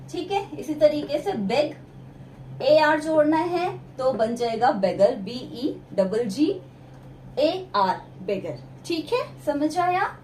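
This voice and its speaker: Female grammar teacher, high voice, echoey room, quizzing students as she explains. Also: a little mellow, a little hiss or hum. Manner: explains step by step with repeated questions. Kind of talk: exam-prep lesson.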